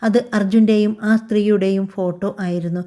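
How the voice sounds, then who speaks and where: A woman narrating a scripted family drama story in a calm, even storytelling voice. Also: mid-range voice, fairly quick. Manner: calm, even storytelling voice that also reads all the characters' lines.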